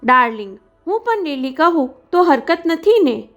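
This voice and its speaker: Sly flirty schemer guy, keeps pushing questions, high voice, a woman reading him. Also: big pitch swings, moderate pace, fairly bright tone, faint music behind, full character voice. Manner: coaxing, insistent questions. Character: smooth scheming middle-aged man, flirtatious and probing.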